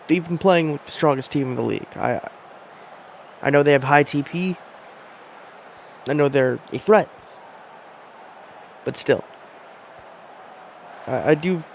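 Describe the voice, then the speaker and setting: A man's voice: a little high, gravelly, a little hiss or hum. A young man giving casual, rambling commentary on a simulated soccer match, with chatty self-deprecating asides.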